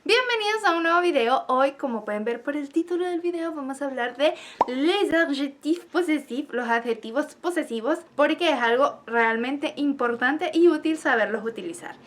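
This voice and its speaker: A woman teaching a French grammar lesson on video, who slows down to spell out and repeat each example. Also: high-pitched, lively intonation, a bit bright, a little hiss or hum.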